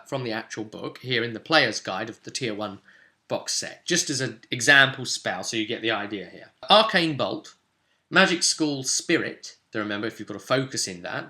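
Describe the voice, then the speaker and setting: A man hosts an informal tabletop roleplaying guide, partly ad-libbing and partly reading rules aloud. He addresses viewers directly in a conversational, explanatory way, using tag questions, and his voice is on the low side, pushed and bright.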